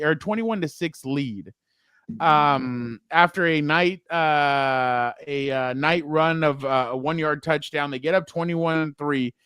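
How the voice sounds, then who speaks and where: A man's voice: a little high, fairly bright tone, no echo, clean studio sound. A man co-hosting a casual sports podcast, rambling and correcting himself as he recaps a game. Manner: rambling, self-correcting, quick laughs. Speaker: podcast co-host.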